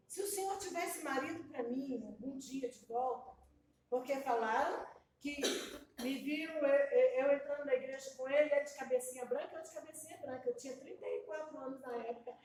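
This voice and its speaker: A woman's voice: high voice, a little mellow, a little hiss or hum. A middle-aged woman from Brazil giving an emotional, confiding testimony to her congregation. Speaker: preacher. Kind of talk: testimony sermon. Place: church hall. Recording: echoey church hall, mic far off.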